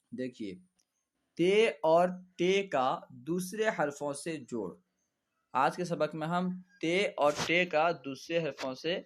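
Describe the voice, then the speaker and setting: A man teaching an Urdu reading lesson, spelling out each syllable patiently and repeating words slowly for learners. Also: fairly high pitch, slight background noise.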